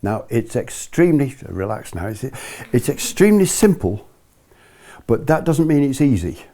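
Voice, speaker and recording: A man's voice: mid-range voice, very animated, normal speed, mellow. An older man giving a hands-on lesson to a small group as a ski instructor, explaining patiently and methodically and repeating key points. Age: older, about 70s. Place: living room, indoors.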